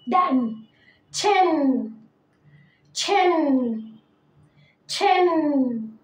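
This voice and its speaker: A woman with an Egyptian Arabic accent teaching English vocabulary to children, repeating each word slowly and coaxing pupils to say it after her. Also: high-pitched, reverberant, rough recording.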